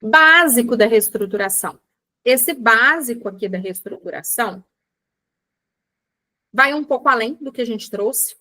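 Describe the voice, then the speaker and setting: A Brazilian psychologist teaching a book club class speaks a little high, with lively intonation, a measured pace and long pauses, her tone pushed and bright. The online lecture is chatty, in a Brazilian Portuguese accent, and she calls listeners "gente" while acting out everyday examples.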